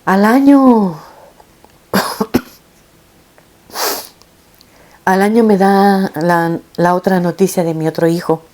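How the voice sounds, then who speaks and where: A middle-aged woman, a mother, telling her viewers a painful personal story in an emotional, halting way, with frequent restarts. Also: medium pitch, fairly even intonation, darkish tone. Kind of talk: personal testimony told to viewers.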